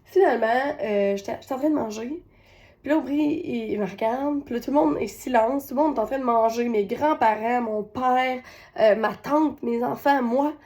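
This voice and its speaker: A woman's voice: fairly high pitch, moderate pace, a little mellow. A woman with a Québécois accent telling a personal parenting story, retelling scenes with quoted voices. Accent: Québécois French. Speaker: parenting coach.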